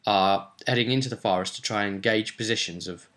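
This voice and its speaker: A man with a lowish, slightly bright voice talks fairly quickly as a game master recapping a role-play session. He's casual and conversational, often putting rhetorical and tag questions to the listener.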